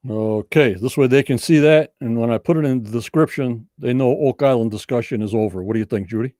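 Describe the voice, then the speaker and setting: A man's voice: medium pitch, a little fast, dark tone, no room sound, clean studio sound. A man hosting a casual livestream trivia night, talking in folksy, rambling game-show patter.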